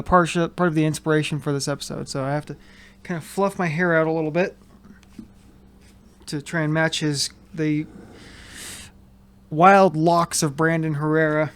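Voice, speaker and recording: A man with a clean, fairly high voice hosts a casual chat from his home studio, loose, joking and rambling. He's speaking into a headset mic.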